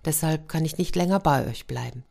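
A kind young crane-maiden from a storybook, soft-spoken and earnest, as a woman reads her part. Her voice sits low and calm. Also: brisk, vocal fry. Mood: sorrowful.

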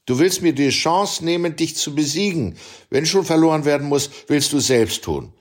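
A man voicing a cocky, self-assured male tennis ace who argues brashly, pitched higher than his own reading voice. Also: expressive, normal speed. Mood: scolding.

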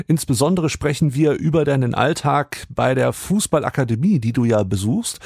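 A man's voice: medium pitch, gravelly, darkish tone, no room sound, studio quality. A man hosting a fan podcast, introducing and interviewing a guest in a friendly, chatty way. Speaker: podcast host.

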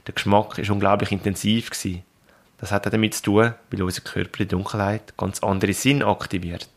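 Calm Swiss German man coaching listeners. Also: on the low side. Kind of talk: reflective scripted narration.

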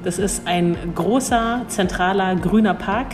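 Over background music, a young woman who serves as a cultural attaché gives interview answers at a measured pace in a medium pitch. She comes across as thoughtful and hesitant, restarting often and quick to laugh.

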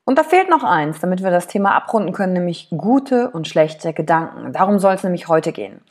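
A woman hosting a self-help podcast, talking directly to the listener with lively rhetorical questions. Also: lowish voice, brisk. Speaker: podcast host and seminar coach.

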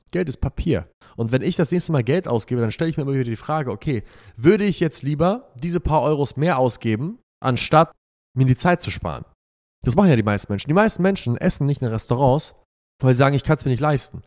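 A young man in a brash, profane monologue, mocking and emphatic as he rants. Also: on the high side. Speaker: money and lifestyle talker. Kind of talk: provocative monologue.

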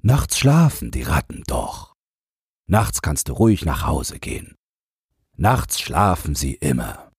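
A man plays a gruff but gentle older man who coaxes with slow, friendly questions. The voice is deep and husky, unhurried, and recorded very close and dry. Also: big pitch swings, dry recording, full character voice. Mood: coaxing. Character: kindly older man with a rabbit basket. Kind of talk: audiobook character voice.

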